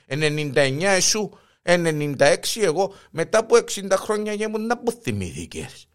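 A man's voice: sits high, big pitch swings. A man voicing a flustered elderly wife who stammers excuses, with a Cypriot Greek accent. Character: flustered old wife dodging blame.

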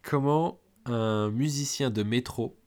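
A man hosting an interview podcast, briskly reading out prompts. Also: mid-range voice, darkish tone. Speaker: host.

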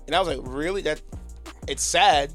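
A man's voice: fairly high pitch, moderate pace, fairly bright tone, faint music behind. A man co-hosting a podcast in casual chat, agreeing along and adding his own take. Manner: agreeable, lots of yeahs and backchannel. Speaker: podcast co-host.

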